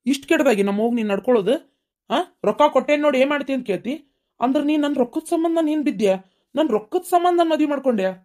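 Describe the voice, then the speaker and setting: A woman's voice: sits high, lively intonation, quick pace, warm tone. Woman voicing a weary shopkeeper husband. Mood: reproachful. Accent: North Karnataka Kannada. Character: husband, tired shopkeeper, curt. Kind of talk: cartoon story voice acting.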